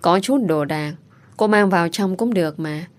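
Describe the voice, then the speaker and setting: A woman's voice: fairly low pitch, moderate pace, lightly acted. Woman doing a chatty kindly housemaid. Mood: cheerful. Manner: chatty and cheerful. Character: cheerful kindly middle-aged housemaid.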